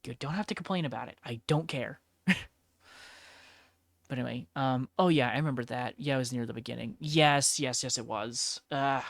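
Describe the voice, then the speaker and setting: A woman's voice: a bass voice, normal speed, gravelly, no room sound, clean studio sound. A woman streamer in casual chat while painting miniatures, chatty, laughing often and blunt, with plenty of swearing.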